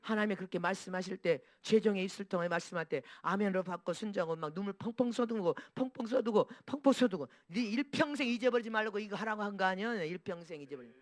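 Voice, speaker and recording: A man with a high voice preaches at a rapid clip. He repeats phrases for emphasis and keeps asking the congregation to answer him. The sound is dry and close, with no room echo. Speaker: pastor. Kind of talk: preaching a sermon.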